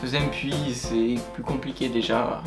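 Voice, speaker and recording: A man's voice: mid-range voice, fairly even intonation, a little slow. A man narrating a vlog in a casual storytelling style. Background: soft plucked guitar music.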